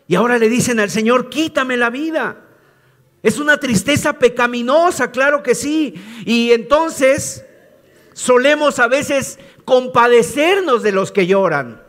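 A man's voice: very high voice, a bit bright. A man preaching a sermon in an emphatic way, repeating key phrases and asking questions to teach.

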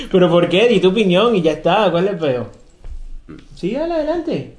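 Teasing higher-voiced man. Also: animated, a crowd in the background. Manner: teasing, quick to laugh. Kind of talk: casual chat. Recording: echoey room.

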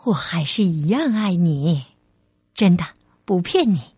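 A woman voicing a patient, loving mother who speaks gently and reassuringly in a lowered voice. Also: sing-song, a little slow, breathy edge, no echo, studio quality, exaggerated voice.

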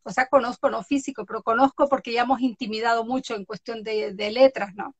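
A woman's voice: fairly high pitch, brisk, husky, no room sound, highs cut off. A woman who hosts online interviews, chatting casually and acting out quoted voices as she tells stories. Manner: animated storyteller, acts out quotes with laughs. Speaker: interviewer on social media. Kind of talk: casual conversation.

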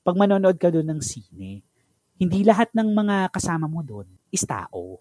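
Lively Filipino man co-hosting a podcast. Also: high-pitched, moderate pace, dry recording, studio quality. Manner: chatty, mixing English into Tagalog. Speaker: podcast co-host. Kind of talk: casual podcast chat.

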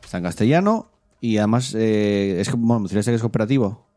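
A man with a Spain Spanish accent who hosts a casual gaming podcast. He talks briskly and steers the conversation from one segment to the next. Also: lowish voice, warm tone, no echo. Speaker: podcast host.

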